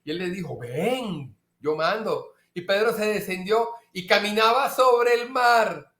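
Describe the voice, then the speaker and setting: High-pitched guy preaching slow, lots of repeating, echoey room. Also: fairly bright tone. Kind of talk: sermon.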